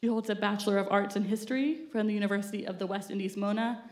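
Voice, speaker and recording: Standing at a podium on a theater stage, a woman reads formal introductions of the speakers as the event host. Her medium-pitched, darkish voice is steady and quick, picked up by the podium mic with a roomy theater sound.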